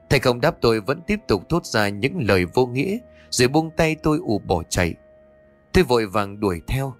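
A man reading a story aloud as an audiobook narrator, in a steady, even manner. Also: mid-range voice, no room sound.

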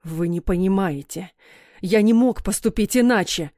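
A woman's voice: on the low side, moderate pace, a little mellow, no echo, studio quality, lightly acted. A woman voicing a troubled middle-aged father who grumbles and snaps defensively. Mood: furious. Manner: gruff, grumbling.

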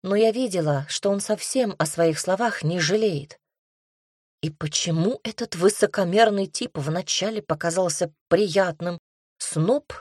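A woman reading a storybook aloud in first person, with lively, expressive storytelling. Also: on the low side, breathy edge, dry recording, clean studio sound. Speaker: audiobook narrator. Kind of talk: scripted first-person narration.

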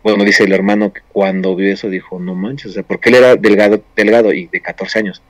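A man tells a story in a casual, rambling way, full of restarts and fillers. His voice sits on the low side. The sound is dry and close, with no room around it. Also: fairly even intonation, fast, no echo. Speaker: storyteller on a paranormal show.

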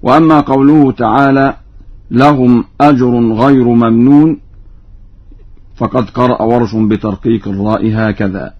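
A man, a Quran reading scholar, giving a radio lesson on recitation variants, explaining plainly and then chanting verse examples slowly. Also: mid-range voice, fairly even intonation. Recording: dull lo-fi radio recording.

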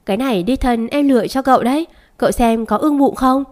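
A woman's voice: a little high, expressive, fairly quick, lightly acted. Deceitful sweet-talking young wife, as a woman narrator plays her. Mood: fawning.

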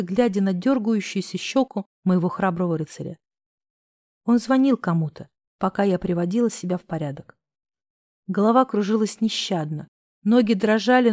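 A woman's voice: mid-range voice, darkish tone, no room sound, studio quality. A woman narrating a first-person novel in an emotive, heartfelt way. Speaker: audiobook narrator.

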